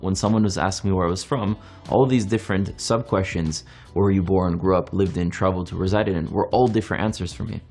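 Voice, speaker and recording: A young man born in France, giving an earnest monologue that builds rhetorical questions and long steady lists. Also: low voice, fast. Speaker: speaker. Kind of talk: reflective monologue.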